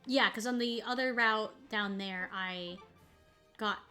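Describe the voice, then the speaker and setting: Woman, game streamer, casual rambling commentary, mid pitch, faint background music. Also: slow, pushed and bright. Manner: chatty, rambling, laughs often.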